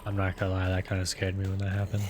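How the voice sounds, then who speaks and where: A man hosting a let's play, chatting loosely over his gameplay with a somewhat low voice. He rambles and trips over his words now and then, and jokes about it as he goes. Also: completely flat delivery, rapid-fire, background noise. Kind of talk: casual gameplay commentary.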